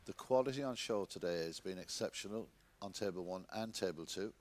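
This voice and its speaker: A man giving hushed, measured snooker commentary in an understated way. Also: low-pitched. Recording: noisy commentary recording with clicks.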